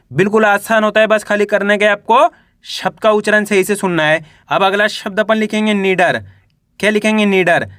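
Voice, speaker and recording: A man's voice: high-pitched, fairly bright tone, no echo, clean studio sound. A young man teaching a Hindi reading lesson, spelling out words syllable by syllable and quizzing the viewers.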